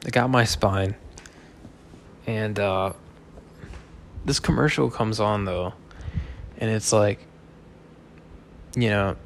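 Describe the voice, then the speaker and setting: A slightly drunk man in his thirties rambles on in an offhand, joking way, swearing freely. His voice sits fairly low, and faint noise hums behind him. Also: slow pace, long pauses. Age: 30s. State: tipsy. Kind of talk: rambling casual monologue.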